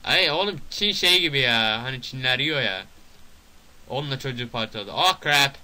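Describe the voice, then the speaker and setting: A young man from Turkey giving casual gameplay commentary, excitable, swearing, swinging between loud outbursts and mutters. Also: mid-range voice, normal speed.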